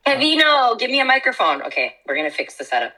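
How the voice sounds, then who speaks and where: A woman's voice: fairly high pitch, big pitch swings, quick pace, bright, forceful tone, poor audio. A woman co-hosting a podcast in blunt, frank, laughing casual chat. Her voice plays from earbuds through laptop speakers and is picked up again by a laptop microphone. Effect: voice played through laptop speakers from earbuds and re-recorded by a laptop mic. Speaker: podcast co-host.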